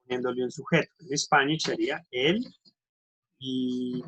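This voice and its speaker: Husky bilingual teacher, man. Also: medium pitch, steady tone, unhurried, fairly bright tone, rough recording. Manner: switches between English and Spanish, corrects himself often; checks in with students constantly. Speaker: English teacher. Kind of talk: online grammar lesson.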